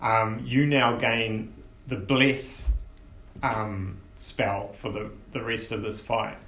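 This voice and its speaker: A man narrating as game master of a tabletop game, relaxed and rambling with many fillers. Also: fairly low pitch, slow pace. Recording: echoey room with faint hiss.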